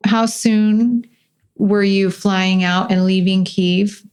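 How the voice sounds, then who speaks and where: A woman's voice: medium pitch, steady tone, slow, darkish tone. A woman hosting a podcast, asking attentive, encouraging questions. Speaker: podcast host. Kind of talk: casual interview chat.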